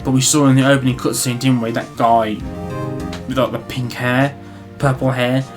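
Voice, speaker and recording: A man's voice: mid-range voice, level tone, moderate pace, music in the background. A man giving casual, sarcastic gameplay commentary while reading a courtroom game. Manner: sarcastic, joking, swears. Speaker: let's player.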